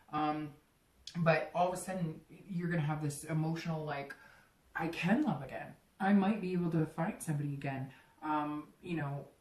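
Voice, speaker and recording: A woman's voice: sits low, a little mellow, reverberant, far from the mic, rough recording. A woman giving a chatty, rambling tarot reading, full of fillers and restarts. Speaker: tarot reader.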